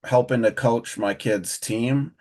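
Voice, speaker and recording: A man's voice: medium pitch, slow, a little mellow. A man answering as a panelist and educator, speaking in a hesitant way with frequent "um"s.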